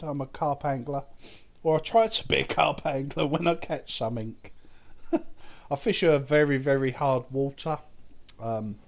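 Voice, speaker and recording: A man chatting casually with viewers on a game live stream, laughing often at his own jokes. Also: on the high side. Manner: chats with viewers, reading their comments aloud.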